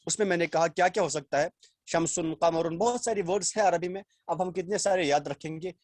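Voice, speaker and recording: A man teaching a language class over a video call, explaining slowly, repeating words and quizzing his students. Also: a little high, no echo, clean studio sound. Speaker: Arabic teacher. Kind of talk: online class lecture.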